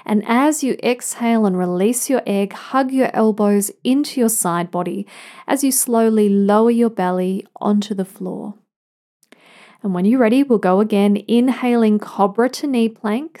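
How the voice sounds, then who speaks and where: Yoga teacher lady, mellow dark-ish voice, soothing measured breath cues, mid pitch. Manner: soothing, measured cueing in breath-timed phrases. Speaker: yoga instructor. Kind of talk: guided yoga class instruction.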